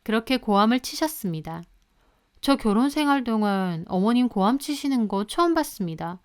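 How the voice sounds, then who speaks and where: A woman tells a scripted first-person story in a confiding, conversational manner. Her voice is smooth and clear, pitched a little high. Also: big pitch swings, normal speed. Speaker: story narrator.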